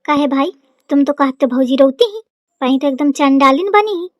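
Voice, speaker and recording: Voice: high-pitched, lively intonation, normal speed, no echo, muffled recording. एक कलाकार द्वारा छेड़ने वाला देवर Kullu. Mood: teasing. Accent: Kanpuri rural Hindi. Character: cheeky young village man, brother-in-law Kallu.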